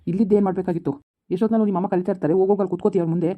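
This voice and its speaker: An actor playing an irritable young newlywed husband who complains fast and heatedly in a village family drama. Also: male voice, high-pitched, steady tone, mellow. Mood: angry. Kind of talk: everyday village drama acting.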